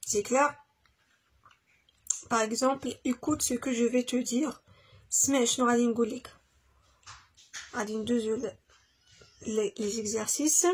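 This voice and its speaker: A woman with a Moroccan accent gives a classroom grammar lesson in a fairly high, husky voice. She explains each point, then repeats it in Moroccan Arabic, and slows down when dictating examples. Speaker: teacher.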